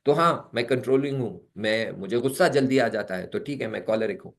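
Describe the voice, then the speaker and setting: A man's voice: medium pitch, brisk, creaky. A man giving a lecture on personality types, acting out everyday stories with quoted voices. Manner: animated, acts out quoted voices.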